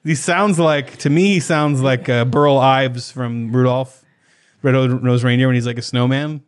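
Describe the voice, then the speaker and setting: A man's voice: mid-range voice, fairly even intonation, unhurried, smooth. A man co-hosting a podcast in casual, comedic chat, joking, laughing often and singing short snippets. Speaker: podcast co-host.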